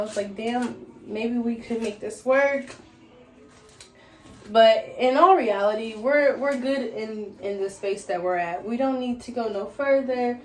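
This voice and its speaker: High-voiced tipsy young American woman, echoey room. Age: young adult. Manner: tipsy, loose and candid. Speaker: host answering listener questions. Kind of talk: casual personal chat. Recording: echoey room, faint background noise.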